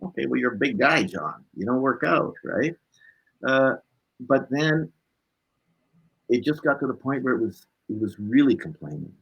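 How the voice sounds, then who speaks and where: A blues musician being interviewed casually tells animated personal stories, acting out dialogue and tagging phrases with "right?". His medium-pitched voice is gravelly and husky at a normal speed, with frequent pauses, on a muffled recording.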